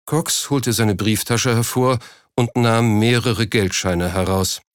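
A man reading a story aloud in a steady, measured scripted narration. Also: on the low side, smooth, no room sound, studio quality. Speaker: audiobook narrator.

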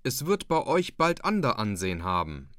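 A man's voice: fairly low pitch, huge pitch swings, moderate pace, a bit bright, dry recording, studio quality. A man voicing a cunning, ragged male vagabond who sells a horse, talking in a wheedling way. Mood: sly, wheedling.

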